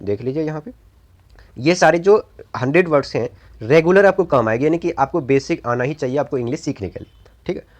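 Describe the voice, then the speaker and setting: A man with a Hindi accent gives an English vocabulary lesson in a slightly higher voice. He repeats each word and keeps asking and answering his own questions. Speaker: English teacher.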